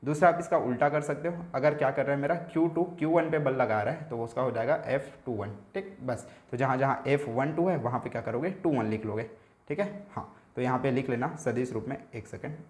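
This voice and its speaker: Patient male physics teacher in an echoey room. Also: medium pitch. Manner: explaining slowly, repeating himself with frequent "ठीक है" checks. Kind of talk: exam revision lecture.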